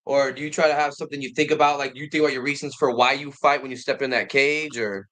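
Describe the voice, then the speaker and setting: A man's voice: medium pitch, steady tone, quick pace, fairly bright tone. A man co-hosting an interview, asking questions with joking, playful asides. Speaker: co-host. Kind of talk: casual interview chat.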